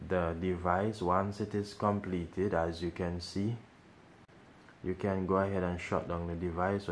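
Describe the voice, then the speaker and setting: A man's voice: deep voice, slight background noise. A man hosting a casual how-to video, explaining each step and repeating instructions as he goes. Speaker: tech tutorial host.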